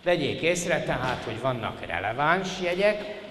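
Lively older man lecturing in a reverberant hall. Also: mid-range voice. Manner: polite formal address to students, lively emphasis. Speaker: university lecturer. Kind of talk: formal classroom lecture. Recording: reverberant hall, faint hiss.

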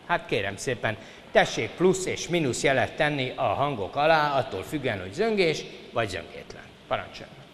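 A man's voice: mid-range voice, big pitch swings, fairly bright tone. An older man giving a formal university lecture, addressing the students politely and stressing his points with emphasis. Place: lecture hall. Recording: reverberant hall, faint hiss.

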